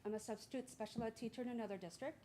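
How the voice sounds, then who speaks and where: In a school board meeting room, a middle-aged woman running for school board gives a public interview, chatty and casual with hesitant fillers. Her voice is on the high side, racing and dark-toned, with fairly even intonation. There is slight background noise.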